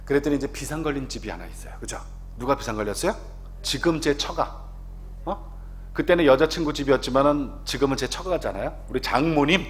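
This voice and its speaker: A man in his fifties, an announcer, giving a lively testimony to a congregation and often asking the audience questions. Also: mid-range voice, a little fast, a little hiss or hum.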